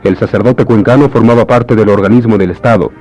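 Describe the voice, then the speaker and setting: Actor as mellow old-radio-serial announcer, man. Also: lowish voice, brisk, close to an everyday voice. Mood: solemn. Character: solemn male narrator of a historical radio serial. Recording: dull lo-fi radio recording, music behind. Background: music.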